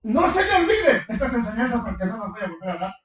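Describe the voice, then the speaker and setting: A middle-aged man preaching a sermon to his congregation, animated, firing rhetorical questions and slipping in humorous asides. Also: high-pitched, fast. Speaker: pastor. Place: large congregation hall. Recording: echoey hall from far off.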